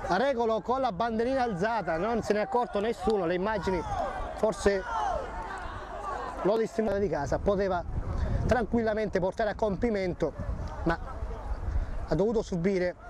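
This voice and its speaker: Football commentator: Italian man, high voice, excitable delivery, noisy outdoor pitch-side recording. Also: moderate pace, pauses often. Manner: excitable, voice rising to shouts at key moments. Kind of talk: live local football commentary.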